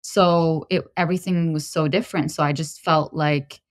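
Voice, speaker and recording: A woman in her thirties from Lebanon, a podcast guest telling her personal story in a measured, introspective way. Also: deep voice, fairly even intonation, dry recording, studio quality. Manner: measured and introspective, pausing to find words.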